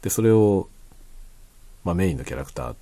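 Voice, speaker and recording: A man chatting casually and quietly late at night, rambling as he explains, often trailing into soft asides. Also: expressive, brisk. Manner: quiet, low-voiced late-night talk. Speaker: streamer chatting to listeners.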